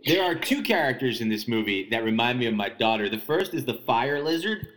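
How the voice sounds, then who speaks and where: A man's voice: mid-range voice, very animated, a little fast, fairly bright tone. A man co-hosting a casual podcast chat about a film, wry, teasing and analytical. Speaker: podcast co-host.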